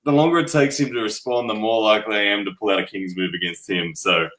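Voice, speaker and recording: Low-voiced teasing man. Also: steady tone, fast talker, a bit bright, slight background noise, rough recording. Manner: teasing, restarts often. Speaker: arm wrestler. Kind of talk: casual chat.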